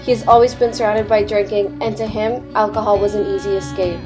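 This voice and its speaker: A woman's voice: mid-range voice, level tone, fairly quick. Earnest young woman narrating over music. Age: young adult. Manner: earnest, read-aloud delivery. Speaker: student narrator. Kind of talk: scripted documentary narration. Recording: music bed under voice.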